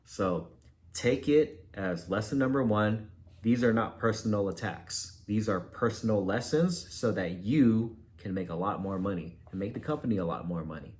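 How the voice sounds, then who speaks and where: A man's voice: on the low side, normal speed, darkish tone. A man giving casual career advice to camera from home, talking loosely, with fillers and repeated words. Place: at home, with laundry machine nearby.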